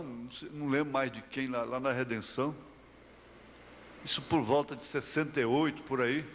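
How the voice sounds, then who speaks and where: An older Brazilian man preaching a sermon in a church hall, slow and deliberate, rising to impassioned exclamations. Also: a little high, fairly bright tone. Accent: Brazilian Portuguese. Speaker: pastor. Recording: reverberant church hall recording with faint noise.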